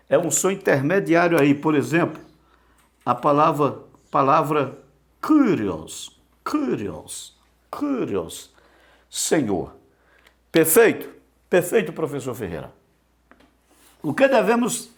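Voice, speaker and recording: Slow, lively-voiced male teacher. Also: high voice. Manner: answers his own rhetorical questions, repeats words for drilling. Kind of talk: online language lesson.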